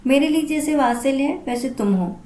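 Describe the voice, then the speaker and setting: A gentle, kind old father-in-law from a spoken family storybook, as a woman narrator voices him. He talks softly and affectionately, with no real lowering of the voice. The room around the voice is noticeably echoey. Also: animated, fairly quick, a little hiss or hum. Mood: tender. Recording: roomy echo.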